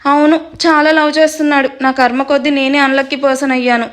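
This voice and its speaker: A sulky young wife muttering complaints and coaxing her husband, as a woman narrator puts her on. The voice is high and bright. It comes across as a Telugu storybook reading. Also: flat delivery, fairly quick. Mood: grumbling. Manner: sulky, muttering complaints, then sweetly pleading. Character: sleepy, grumbling young wife.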